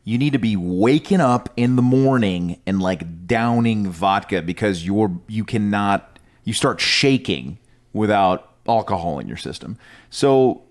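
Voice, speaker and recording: Deep-voiced man, halting casual talk. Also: lively intonation. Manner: halting, repeats words as he thinks. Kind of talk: casual chat.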